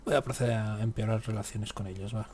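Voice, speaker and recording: A man's voice: fairly low pitch, steady tone, quick pace, a little mellow, a little hiss or hum. A man giving casual let's-play commentary on a strategy game, muttering to himself and cursing at the game. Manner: talks to himself, grumbles and curses at the game. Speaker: gaming YouTuber.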